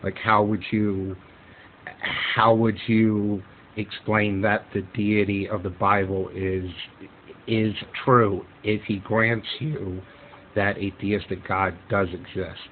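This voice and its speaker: A man moderating a casual group discussion on a voice call, deliberate and repeating words as he starts sentences. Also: fairly low pitch, little pitch movement, narrow, tinny audio, slight background noise. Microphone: computer microphone on a voice call. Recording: compressed online voice call.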